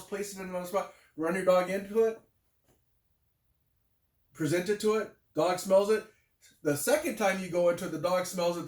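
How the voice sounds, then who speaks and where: Man, dog trainer, folksy casual explaining, roomy echo. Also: sits high. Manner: folksy, talks to a dog with firm short commands. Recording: roomy echo, voice heard from afar.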